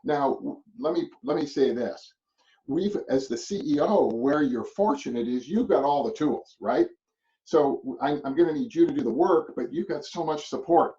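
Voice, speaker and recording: A middle-aged man from Canada coaches real estate agents in a loose, rambling way and keeps tagging "right?" onto his points. His voice is dark and mellow. He sits back from a dull-sounding mic. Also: fairly high pitch, expressive, moderate pace. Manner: rambling, repeats "right?", chuckles often. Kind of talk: motivational presentation. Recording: distant muffled mic.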